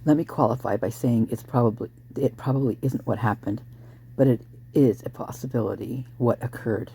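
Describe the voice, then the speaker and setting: A hoarse true crime commentator speculating casually and thinking aloud, breaking into exclamations at sudden ideas. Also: medium pitch, moderate pace, warm tone.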